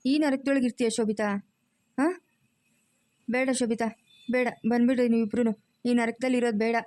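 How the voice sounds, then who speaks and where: An earnest young relative, played by a woman, pleading steadily in a flat, even tone. The voice is mellow and a little high, recorded dry. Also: brisk, no room sound, natural voice. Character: pleading young relative begging siblings to leave. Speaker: actor in a family web drama.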